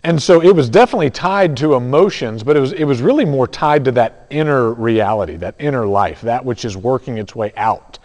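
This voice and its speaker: A man preaching a conversational sermon, halting with restarts and fillers as he teaches. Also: mid-range voice, animated, darkish tone. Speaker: pastor. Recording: long hall reverb.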